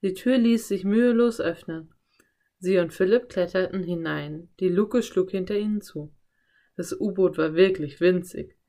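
A woman narrating a children's audiobook in a calm, clear storytelling voice. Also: lowish voice, moderate pace.

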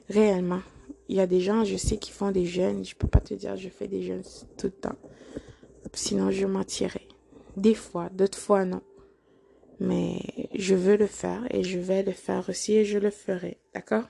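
On her motivational podcast, a woman with a dark, breathy, mid-range voice touched by vocal fry delivers an earnest monologue. She coaxes the listener along, often checking in with "d'accord?".

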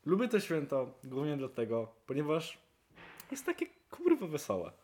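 A young man co-hosting a podcast in casual chat, excitable and swearing freely, his voice jumping up for emphasis. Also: a little high, moderate pace. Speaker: podcast co-host.

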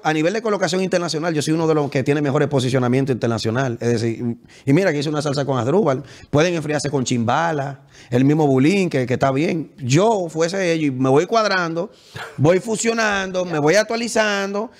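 A young Dominican-accented man holds forth in a casual interview, animated and boastful, often cutting in. His voice sits a little high for a man. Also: a little fast. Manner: animated, boastful, talks over the host. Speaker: interview guest, musician.

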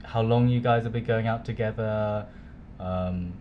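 A man's voice: lowish voice, fairly even intonation, unhurried, muffled recording, a little hiss or hum. A man from the UK co-hosting a casual podcast, chatty and hesitant with many fillers. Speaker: co-host.

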